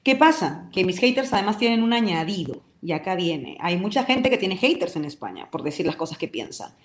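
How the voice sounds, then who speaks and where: A woman's voice: on the low side, very animated, brisk, roomy sound. A woman with a Peruvian accent, speaking with passion and vehemence as a guest in a radio interview. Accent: Peruvian Spanish. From Peru.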